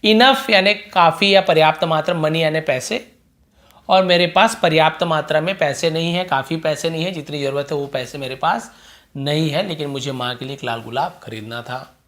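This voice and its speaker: A man teaching English, reading each phrase of a story slowly and loudly, then explaining it in quieter Hindi. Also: a little high. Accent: Indian English.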